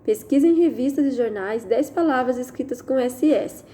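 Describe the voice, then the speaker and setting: Brazilian lady teacher going through exercises, kinda high but mellow voice, faint noise behind, keeps checking you got it. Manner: patient, checks understanding with tag questions; slows down to stress key sounds. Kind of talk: recorded online Portuguese lesson.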